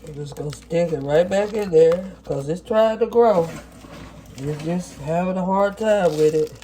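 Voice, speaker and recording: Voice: mid-range voice, a little slow, warm tone, a little hiss or hum. A plant vlogger with a stuffy, blocked-nose voice, casually explaining things step by step to viewers in a folksy way. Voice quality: stuffy, congested nasal voice. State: congested after sinus surgery. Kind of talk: casual hands-on demonstration to viewers. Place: home kitchen at the counter.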